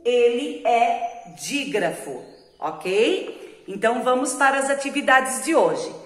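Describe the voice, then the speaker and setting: Slow, patient Brazilian woman teacher. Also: fairly high pitch. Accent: Brazilian Portuguese. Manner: slow, drawn-out explanations with repeated example words. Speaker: primary school teacher. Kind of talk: video lesson for young children. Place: classroom at a whiteboard. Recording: echoey room with long reverb.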